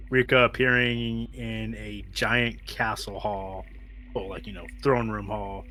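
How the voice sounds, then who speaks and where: A man's voice: mid-range voice, bright, forceful tone. A man playing a tabletop game, chatting and narrating casually in an informal, sweary, self-correcting way.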